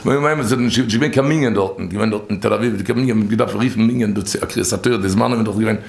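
A man telling stories from religious teachings in an informal, animated way, his voice leaping high and then dropping low. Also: fast, vocal fry. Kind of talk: informal storytelling talk. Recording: echoey room.

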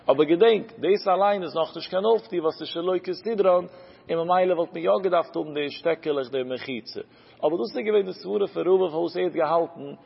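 A man's voice: fairly high pitch, gravelly, breathy edge. A man giving a Talmud lecture, explaining step by step and asking and answering his own questions. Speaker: Talmud teacher. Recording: lo-fi recording with long hall reverb.

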